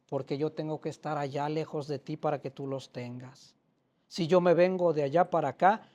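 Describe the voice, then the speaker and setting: Older man, slightly high voice, author sharing heartfelt stories with a live audience. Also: dark tone. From Mexico. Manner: emotional, plainspoken storytelling with quoted dialogue. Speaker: author presenting his book. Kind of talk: personal storytelling to an audience. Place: public library hall.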